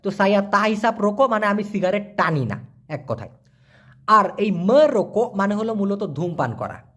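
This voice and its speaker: A man, answering viewer questions in a casual spoken lesson and repeating words slowly for learners. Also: high-pitched, very animated, a bit bright.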